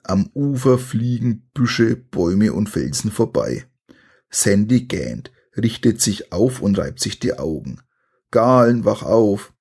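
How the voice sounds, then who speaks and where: A man's voice: on the low side, big pitch swings, takes it slowly, creaky, mellow, breathy edge. A man reading an adventure gamebook aloud to listeners, with chatty, colloquial asides between the passages. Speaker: reader of a gamebook.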